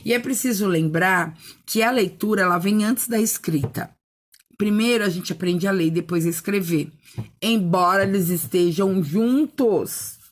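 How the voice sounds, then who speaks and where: A woman teacher explaining a lesson in an educational video, asking rhetorical questions and sounding out words syllable by syllable. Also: mid-range voice. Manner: asks rhetorical questions and answers them.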